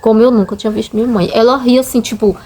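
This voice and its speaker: A woman's voice: a little high, fairly even intonation, fast, mellow, slightly rough. A Brazilian woman with a Brazilian Portuguese accent and children of her own, earnestly and emotionally telling viewers her religious testimony in a casual storytelling way. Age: adult with children. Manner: emotional, earnest, often says "gente" to the viewers. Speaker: channel host sharing a faith testimony.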